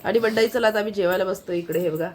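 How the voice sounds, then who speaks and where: A woman's voice: medium pitch, fast talker, a little hiss or hum. A woman chatting casually to her viewers, showing them around her home. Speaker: family vlogger. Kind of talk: casual vlog narration. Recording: background music over the voice.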